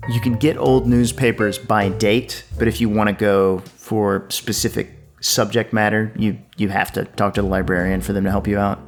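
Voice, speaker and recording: A man with a fairly low voice narrates a tabletop role-playing game as its game master. He feels his way through the scene haltingly. Faint guitar music plays underneath. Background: soft guitar music.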